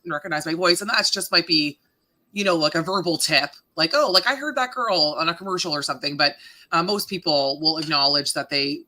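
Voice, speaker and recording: A Canadian woman in her thirties with a deep, pushed, bright voice is a radio morning host chatting casually in an interview. She's chatty and self-deprecating, laughing often and using lots of fillers like "um."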